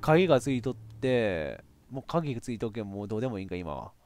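A man with a giving excitable let's play commentary on a horror game, reacting loudly and laughing often. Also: lowish voice, fast, soft background music. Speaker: VTuber game streamer.

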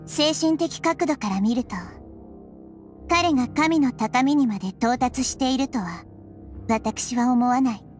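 A woman voicing a small, child-like goddess of wisdom, calm, thoughtful and measured, for an anime-style game. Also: high-pitched, soft background music. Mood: analytical. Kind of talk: Japanese anime game voice acting.

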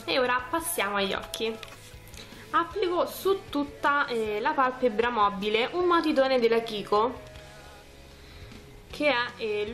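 A woman in her 20s with a fairly high-pitched, slightly bright voice talks through a makeup tutorial step by step. She's a beauty vlogger, chatty and informal, filming indoors in a small furnished room at home.

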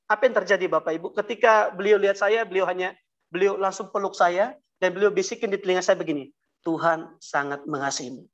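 A man telling his personal testimony to an audience, talking haltingly with many fillers and restarts and often addressing them directly. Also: sits high, fairly even intonation, lo-fi sound. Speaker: guest giving a testimony. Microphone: video call.

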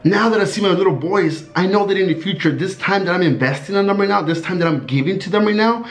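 A man's voice: high-pitched, fast talker. A man in his thirties from the USA, talking casually to camera in a rambling, earnest way, full of fillers and laughing as he recalls stories. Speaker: vlogger.

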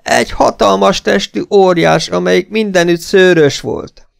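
A man doing a shrill wailing older woman. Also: creaky, smooth, no room sound, clean studio sound. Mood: frantic. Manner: shrill, sobbing, drawn-out cries.

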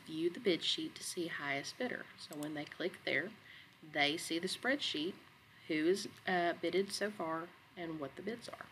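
A woman educator narrating a screen-recorded software tutorial in a relaxed, conversational way with some fillers. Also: fairly low pitch, a little hiss or hum, rough recording. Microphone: computer microphone, voice-over on screen capture.

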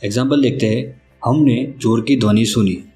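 A man giving a scripted vocabulary lesson, speaking slowly and deliberately and spelling words out letter by letter. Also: mid-range voice, warm tone. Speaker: vocabulary teacher. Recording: roomy echo with faint music.

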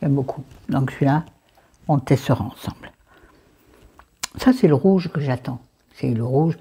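Husky low-voiced French woman vlogging. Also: moderate pace, mellow. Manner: talks to herself, self-scolding asides; drops to whispered asides. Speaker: beauty vlogger. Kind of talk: chatty makeup haul vlog.

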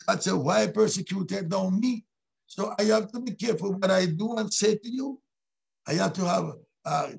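A man teaching a Bible class sermon, quoting scripture slowly and with emphasis. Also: high voice, gravelly, husky, low-quality recording. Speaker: preacher.

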